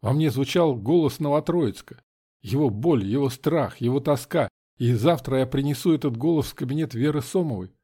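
A man reading a first-person audiobook in a measured, dramatic way. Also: medium pitch, warm tone, slightly rough. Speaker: audiobook narrator.

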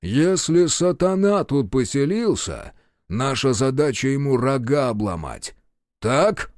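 A man voicing a stern commander who speaks slowly, firmly and with weight. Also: medium pitch, big pitch swings, a little mellow, dry recording, clean studio sound. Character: stern forceful commander of rangers, grown man. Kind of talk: audiobook character voice.

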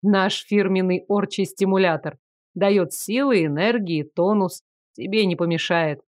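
Blunt half-orc girl for a fantasy audiobook , read by a woman; dry close sound, mid pitch. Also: steady tone, a little slow, a little mellow, no room sound, lightly acted.

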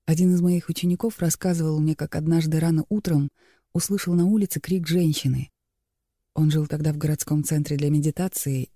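Male narrator, measured spiritual reading, gravelly and dark, dry booth sound. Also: fairly high pitch, no room sound. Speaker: audiobook narrator. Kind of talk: scripted narration of a spiritual book.

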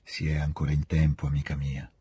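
A man reading aloud, voicing a smooth, scheming older nobleman who coaxes in a soft, hushed way. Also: extremely low pitch, completely flat delivery, a little fast, voice pushed down, heavily acted. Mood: coaxing. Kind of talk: audiobook reading.

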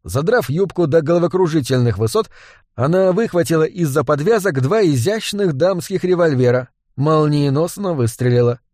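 A man narrating a gritty story in a steady, even reading voice. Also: a little high, moderate pace, dry recording, studio quality. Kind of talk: audiobook narration.

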